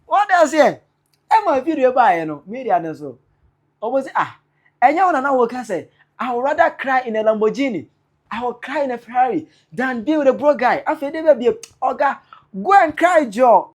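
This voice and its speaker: Animated woman gossip blogger. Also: sits high, fairly quick. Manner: animated mix of pidgin and local phrases. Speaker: news blogger. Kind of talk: gossip commentary.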